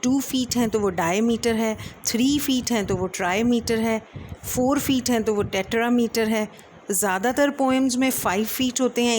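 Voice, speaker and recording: A woman's voice: on the high side, darkish tone, a little hiss or hum. A woman teacher giving a lecture, explaining step by step with many English terms and a few fillers. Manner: reads verse lines slowly. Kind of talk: Hindi lecture on English poetry.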